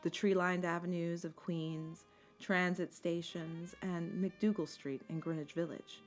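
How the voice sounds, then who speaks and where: Low-voiced woman narrating a documentary over music. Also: flat delivery, a little slow. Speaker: video essay narrator. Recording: music bed under the voice. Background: instrumental music.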